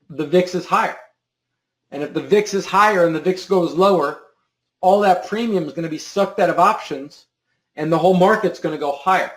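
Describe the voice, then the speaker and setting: A man's voice: on the high side, reverberant. A man hosting a live trading stream, answering a viewer's question in a loose, rambling way, often repeating words and restarting sentences. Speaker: options trading show host.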